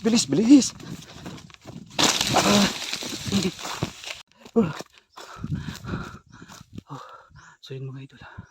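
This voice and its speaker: Tense hushed man hunting ghosts. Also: on the high side, background noise. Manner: hushed, tense narration to viewers, sometimes shouting at something unseen. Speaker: ghost hunter vlogger. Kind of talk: night ghost-hunting vlog commentary.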